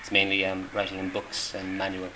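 A man's voice: low voice, monotone, fairly quick, bright, forceful tone. A middle-aged Irish man answering interview questions in a hesitant way, with many ums and restarts. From Ireland. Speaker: interviewee, volunteer. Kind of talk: casual interview. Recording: noisy room ambience.

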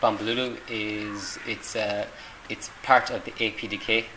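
This volunteer interviewee is a middle-aged man from Ireland whose lowish voice sounds pushed and bright, with little pitch movement and a moderate pace. In a casual interview he stumbles through questions, restarting often and saying um a lot, over a noisy room background.

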